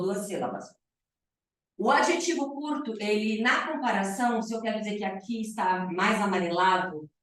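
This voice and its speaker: Woman teaching english, slow patient repeats, roomy echo, kinda far from the cam. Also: medium pitch. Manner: explains slowly, repeating example words. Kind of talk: bilingual classroom lesson. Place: classroom. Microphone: camera at a distance. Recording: echoey room, far from the camera.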